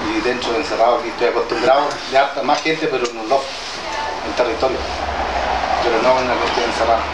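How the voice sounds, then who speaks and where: Far from the microphone in a reverberant hall full of people, a traditional healer from southern Chile, a native Mapudungun speaker, addresses the gathering informally. His mid-range voice comes through halting and hesitant, plain-spoken with many restarts. The audio is distant and noisy.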